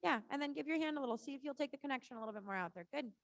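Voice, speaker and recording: High-pitched woman coaching a riding lesson. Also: racing, vocal fry, dry recording. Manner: encouraging, short repeated cues; informal, reassuring.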